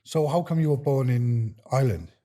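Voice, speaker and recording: A man hosts the podcast in a warm, mellow voice, asking simple questions with a curious tone. Short encouraging replies fill the gaps, and a long echo lingers around his voice. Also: medium pitch, normal speed. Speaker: podcast host. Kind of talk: casual interview chat.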